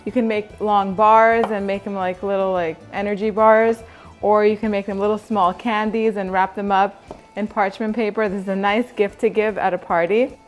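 A woman's voice: medium pitch, fairly even intonation, moderate pace, soft background music. A woman hosting a cooking video, chatting upbeat as she walks viewers through each step in a home kitchen. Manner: chatty, upbeat, instructional, addresses viewers directly. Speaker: cooking channel host. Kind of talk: casual cooking demonstration.

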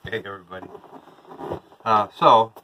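A man's voice: on the low side, normal speed, noisy background. A man in his thirties, a vlogger, chatting casually to a camera across from him inside a small trailer. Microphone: camera a couple of metres away.

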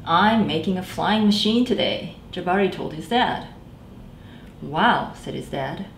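Her voice lowish and her pacing measured, a librarian in her thirties reads a picture book to children indoors in a small library room. She's lively, acts out the characters' voices, and addresses the kids directly. Expect room echo and faint background noise.

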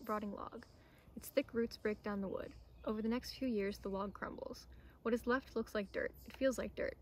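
A young adult woman with a fairly high, darkish-toned voice reads a children's nature storybook on a forest trail. She's an intern, recorded by a camera or phone a short distance away, and the outdoor ambient noise comes through clearly.

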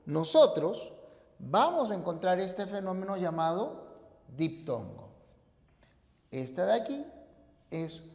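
A man teaching a grammar lesson, explaining slowly and deliberately and spelling out example words one by one. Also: a little high, darkish tone, big-room sound.

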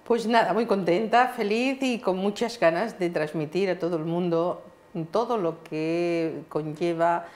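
A woman's voice: on the low side, unhurried, a little mellow. A woman co-hosting a TV talk show, speaking hesitantly and searching for words. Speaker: co-host and guest professor. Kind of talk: casual TV chat. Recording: roomy studio echo.

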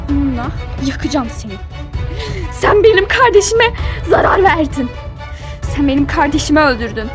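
Bir kadının canlandırdığı intikamcı genç adam. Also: female voice, sits high, brisk, music in the background, natural voice. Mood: furious. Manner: accusing, threatening. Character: vengeful young man, grieving brother.

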